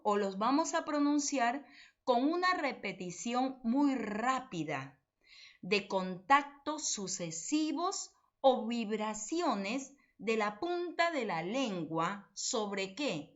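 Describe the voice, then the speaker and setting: A woman's voice: on the high side, expressive, slow pace. A woman teacher giving a recorded phonology lecture, who keeps asking and answering her own questions and checks in often with her listeners. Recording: dull lo-fi recording.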